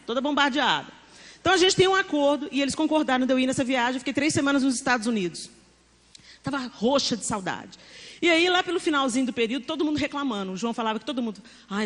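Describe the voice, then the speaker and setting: A middle-aged woman with a Brazilian accent preaching a sermon, telling family stories with animated acted-out dialogue. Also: sits high. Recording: long hall reverb, faint background noise.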